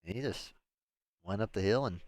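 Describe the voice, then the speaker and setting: A man giving live race commentary in a chatty, excitable way that turns analytical. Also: on the low side, normal speed. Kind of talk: live sim racing commentary.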